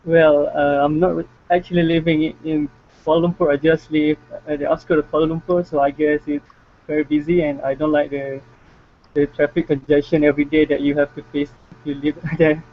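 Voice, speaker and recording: A man from Malaysia in an online English class, talking in a relaxed, fluent way. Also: fairly high pitch, brisk. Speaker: English learner. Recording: tinny phone-like online call.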